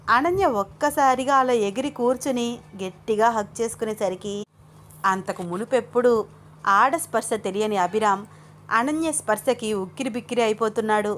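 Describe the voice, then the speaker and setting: A woman narrating a love story in a steady, expressive scripted reading. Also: fairly high pitch, a little hiss or hum.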